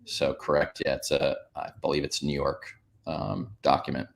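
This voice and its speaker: Very deep-voiced man, rambling. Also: fairly even intonation, normal speed, gravelly. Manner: rambling, many restarts and "um"s. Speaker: panelist, company founder. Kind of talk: panel discussion answer.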